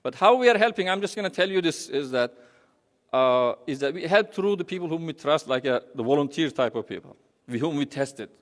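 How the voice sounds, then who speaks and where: In an echoey hall with long reverb, a humanitarian charity representative from Turkey gives an informal public talk with a Turkish accent. He sounds expressive and a little high, speaking haltingly and circling back to repeat phrases.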